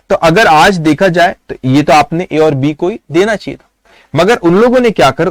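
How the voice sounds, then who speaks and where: High-voiced man teaching accounting. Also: no echo. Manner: storytelling, acts out scenes with raised excited voice. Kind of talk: recorded lecture.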